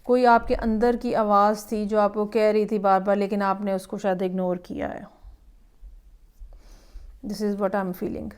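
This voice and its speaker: A woman's voice: medium pitch, level tone, a little slow, pauses often, darkish tone, clean tone. A woman giving a weekly tarot horoscope reading, musing aloud and slipping English phrases into her talk. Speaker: tarot reader.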